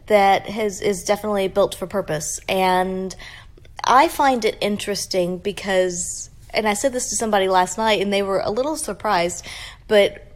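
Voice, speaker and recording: A woman speaks casually as a podcast host. Her voice sits at a middle pitch. She is in a large cavernous room that gives the sound an echo. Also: moderate pace. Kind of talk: casual chat. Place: big cavernous indoor room.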